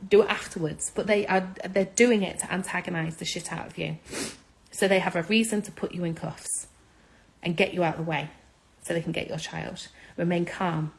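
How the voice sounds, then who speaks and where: A woman's voice: on the low side, fairly even intonation, moderate pace, gravelly, rough recording. A woman giving impassioned advice in an urgent, insistent manner, repeating her key points. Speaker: social media speaker.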